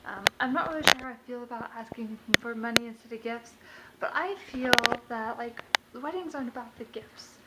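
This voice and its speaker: A woman's voice: fairly high pitch, brisk. A young woman talking casually in a rambling vlog monologue from her kitchen at home, full of fillers. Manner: rambling, chatty, many fillers. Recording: noisy home recording.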